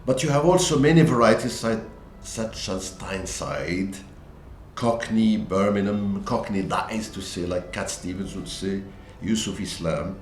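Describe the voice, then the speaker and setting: Man, lecturer, lowish voice, rambling, lots of fillers, echoey room, faint hiss. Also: unhurried. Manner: rambling, digressive, with frequent fillers. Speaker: English teacher.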